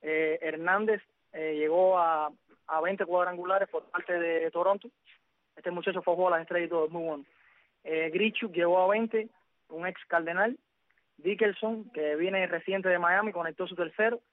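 A man with a high voice runs through baseball scores methodically, dropping "eh" fillers as he goes. The sound is dry and narrow, like a phone line. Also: steady tone, normal speed, no room sound. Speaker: sports radio host. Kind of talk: baseball results rundown.

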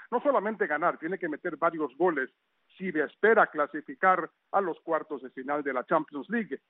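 A man's voice: a little high, no echo. A man reading a radio sports news roundup in a conversational way, with chatty asides. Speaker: sports reporter. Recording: tinny phone-line sound.

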